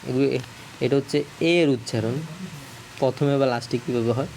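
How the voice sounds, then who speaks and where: A man giving a casual video lesson, talking haltingly, correcting himself often and checking for understanding. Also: medium pitch, fairly even intonation, a little mellow, a little hiss or hum. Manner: halting, frequent self-corrections and apologies. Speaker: teacher.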